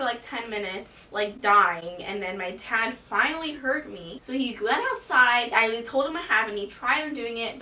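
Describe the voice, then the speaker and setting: A woman's voice: a little high, bright, forceful tone. A teenage girl telling her own stories to the camera in a chatty vlog, full of "like" fillers. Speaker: vlogger. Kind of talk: casual storytelling vlog. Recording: roomy echo, slightly distant from mic.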